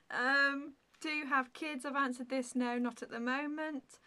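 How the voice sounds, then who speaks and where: A woman's voice: high-pitched, pushed and bright. A woman in her thirties chatting casually to the camera in a Q&A vlog, answering viewer questions in a rambling way, full of ums and likes. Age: 30s. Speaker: beauty vlogger.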